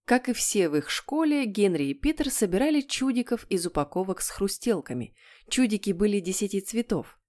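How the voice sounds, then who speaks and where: A woman narrating a children's audiobook in an expressive, lively way. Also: mid-range voice, a little fast. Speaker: audiobook reader.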